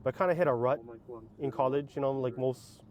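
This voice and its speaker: A man's voice: medium pitch, a little mellow, highs cut off. Informal male officer from Hawaii, faint noise. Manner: informal, halting phrasing. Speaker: police officer. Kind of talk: casual interview storytelling.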